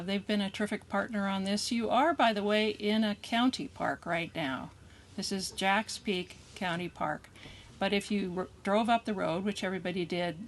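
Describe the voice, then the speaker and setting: A woman introducing guests at an outdoor dedication ceremony, speaking casually with fillers. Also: mid-range voice. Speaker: board member emceeing a dedication ceremony. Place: outdoor county park. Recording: noisy outdoor recording.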